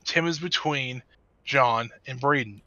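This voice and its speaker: Guy on race control, bright punchy voice, going over the order, dry muffled chat audio. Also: mid-range voice, measured pace, dry recording. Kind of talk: casual race control chatter.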